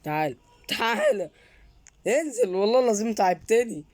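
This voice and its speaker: A woman's voice: mid-range voice, big pitch swings, a little fast, darkish tone. A woman with an Egyptian Arabic accent improvising a casual game role-play, exclaiming, asking questions and repeating her phrases. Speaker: gamer making a role-play film in Roblox.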